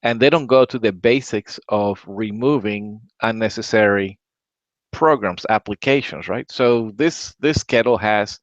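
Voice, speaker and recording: Rambling low-voiced man, dull dry audio. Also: unhurried, no echo. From Latin America. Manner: rambling, repeats words, many "right?" tags. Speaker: podcast host. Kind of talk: casual tech chat.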